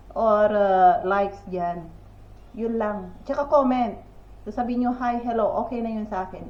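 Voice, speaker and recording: Her pitch fairly high, a rambling older Filipino woman tells viewers a casual story from a roomy home kitchen. She's a vlogger who fills her speech with fillers and keeps repeating "sabi ko," recorded in a roomy, dull home setting.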